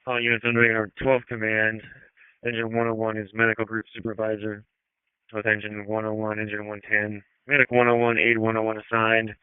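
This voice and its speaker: Low, even fire commander on radio. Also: male voice, clear, resonant tone, no echo. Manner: brisk, procedural firefighter radio talk. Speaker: fire battalion chief, incident commander. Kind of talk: fire radio dispatch traffic, clipped commands. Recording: narrow-band two-way radio transmission.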